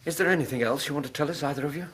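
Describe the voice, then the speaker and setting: A man acting a steady, reasonable Victorian doctor in a radio drama, measured and courteous as he questions. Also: fairly high pitch, breathy edge. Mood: measured, inquiring.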